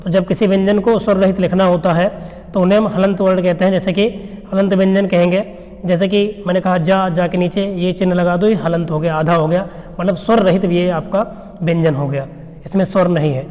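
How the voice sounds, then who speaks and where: High-voiced man teaching in a reverberant room. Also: fairly even intonation, fairly quick, a little mellow. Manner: explains by asking and answering his own questions. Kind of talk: exam revision lecture.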